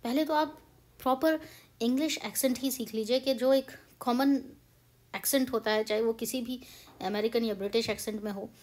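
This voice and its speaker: भारतीय लहजे वाली युवा महिला, कुछ ऊँची आवाज़. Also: female voice, on the high side, steady tone, normal speed, darkish tone. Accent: Indian English. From India. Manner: chatty, mixes Hindi and English, explains patiently. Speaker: pronunciation teacher. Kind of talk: casual spoken lesson.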